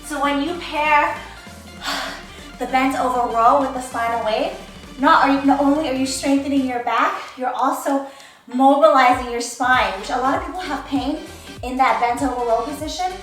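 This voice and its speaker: With a high voice, a fairly bright tone and a moderate pace, a fitness coach and presenter playfully leads a casual workout demo full of hyped gym-bro slang. Background music plays in a very echoey room.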